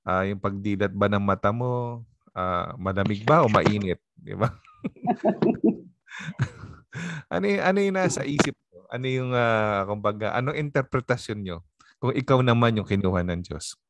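A man's voice: lowish voice, animated, moderate pace, pauses often, slight background noise. A man, a pastor, leading an online Bible study on a video call, asking the group questions politely and prompting them to answer.

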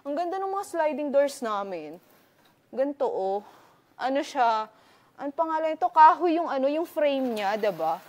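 A woman from the Philippines shows off her new house on a casual vlog, her voice sitting a little high. She talks with excitement and lots of fillers, switching between Tagalog and English. She is recorded indoors on a handheld camera or phone as she walks from room to room. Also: moderate pace. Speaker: vlogger giving a house tour.

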